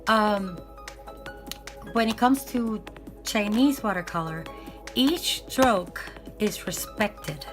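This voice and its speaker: A raspy-voiced woman, worn out with bronchitis, chats casually in an ASMR unboxing vlog, rambling and often correcting herself. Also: mid-range voice, animated, slow pace, pauses often, over music. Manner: rambling, hesitant, self-correcting. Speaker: art supply vlogger.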